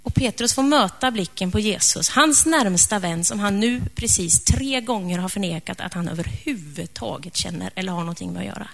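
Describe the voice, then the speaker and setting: A woman preacher retelling a story in a lively, conversational sermon. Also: mid-range voice, creaky, few pauses.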